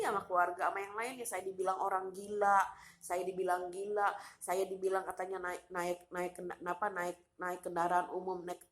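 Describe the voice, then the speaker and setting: A woman vlogger rants to her viewers about a cruel relative, repeating herself, firing off rhetorical questions and using casual street slang. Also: fairly low pitch. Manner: aggrieved, repetitive venting straight to viewers. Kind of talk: eating vlog with a personal rant.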